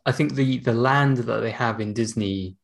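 A man's voice: mid-range voice, normal speed, gravelly. A British man chatting casually as a podcast co-host. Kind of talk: casual chat.

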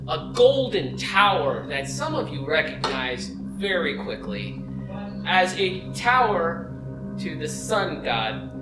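Male game master, halting descriptive tabletop narration, mid pitch, recorded off-mic with music underneath. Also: big pitch swings. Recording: roomy, distant mic under loud music.

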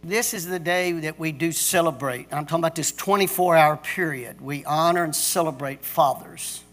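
A middle-aged man preaching a sermon as pastor, emphatic, with pauses and restarts. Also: on the high side, fairly bright tone.

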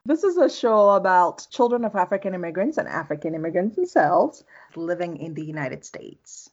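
A woman's voice: lowish voice, animated, normal speed, lo-fi sound. A woman co-hosting a podcast, playful in casual chat and laughing often. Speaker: podcast co-host.

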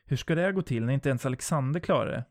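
A man's voice: medium pitch, lively intonation, no echo, clean studio sound, natural voice. A man voicing a terse, frightened young woman. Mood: tense, urgent. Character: frightened determined young woman stranded on a raft.

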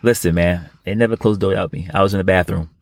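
This podcast co-host talks very fast in a low, gravelly voice, joking casually as he rambles, repeats himself and boasts in street-casual phrasing. The recording is dry and clean, with studio sound.

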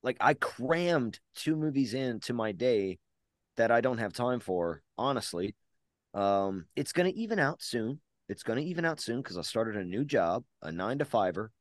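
A man's voice: medium pitch, very animated, moderate pace, no echo. A man hosting a podcast on a video call, swearing freely and hyping himself up. His voice sits mid-range, and the recording is dry and close. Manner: profane, boisterous bragging. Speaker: podcast host. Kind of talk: casual chat.

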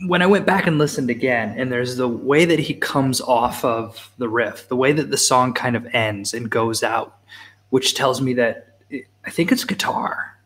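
A man's voice: medium pitch, a bit bright. A man co-hosting a casual album review, thinking aloud with frequent restarts and hesitations. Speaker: co-host. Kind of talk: casual music review chat.

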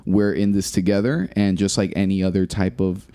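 A man's voice: sits low, level tone, moderate pace, warm tone. A middle-aged man co-hosting a casual podcast, talking earnestly and motivationally and repeating phrases for emphasis. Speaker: podcast co-host.

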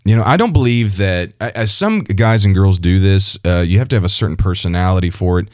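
A man with a very low voice talks earnestly about dating and faith, in a loose conversational way full of fillers and restarts. The recording is dry and close, with no room sound. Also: lively intonation, brisk, darkish tone, dry recording. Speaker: pastor giving dating advice. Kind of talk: casual religious advice talk.

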